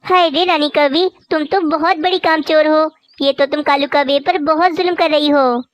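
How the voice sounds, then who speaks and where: A prying, teasing little bird neighbor from a cartoon, voiced by a woman. Her voice is high, the sound dry and close. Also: steady tone, normal speed, dry recording, lightly acted. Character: gossipy female neighbor bird. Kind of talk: cartoon voice acting.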